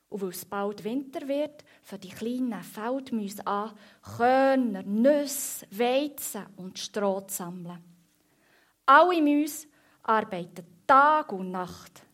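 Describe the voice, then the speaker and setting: A woman reading a children's story aloud in a slow storytelling manner, then moving into a short devotion. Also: a little high, lively intonation, a bit bright.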